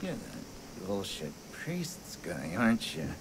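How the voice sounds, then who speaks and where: A man's voice: deep voice, huge pitch swings, drawn-out words, heavily acted. An actor with an American accent playing a sadistic, chatty video game madman, glib, drawling and mock-friendly. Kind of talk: video game character acting.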